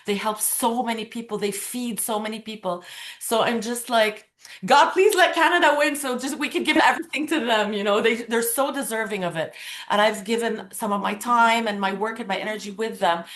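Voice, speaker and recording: A woman from Lebanon whose first language is Arabic, speaking earnestly and warmly as an interview guest. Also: on the high side, a little fast. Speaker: guest, pageant titleholder. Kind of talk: casual interview conversation.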